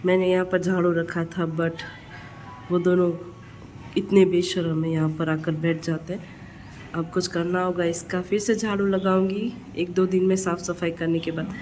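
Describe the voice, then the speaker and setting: A woman's voice: on the low side, level tone, moderate pace, dark tone, a little hiss or hum. A young woman, chatting casually through a home vlog and laughing at herself. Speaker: vlogger. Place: family home, indoors and on a rooftop.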